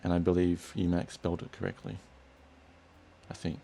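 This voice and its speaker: A young man hosting a casual chat, relaxed and rambling with restarts. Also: deep voice, normal speed, vocal fry, a little hiss or hum. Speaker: host.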